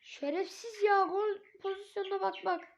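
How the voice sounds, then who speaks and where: A hoarse woman giving live gameplay commentary, swearing and yelling at the referee in frustration. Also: very high-pitched, fairly even intonation, moderate pace, a little hiss or hum. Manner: shouts at the referee, curses and rants in frustration. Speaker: gamer. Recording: dull lo-fi recording.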